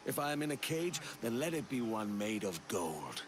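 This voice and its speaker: A man's voice: mid-range voice, big pitch swings, normal speed, background noise, lightly acted. An actor playing a bold, self-assured young male adventurer in a video game. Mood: defiant. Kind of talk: video game character acting. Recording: music playing behind the voice.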